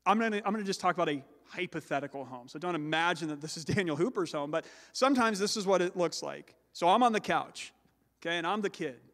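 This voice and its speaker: Preaching with animation, a pastor with a high, loud voice lets his words carry through the lingering echo of a large hall. He is an adult man with children, and he slows down to emphasize key words.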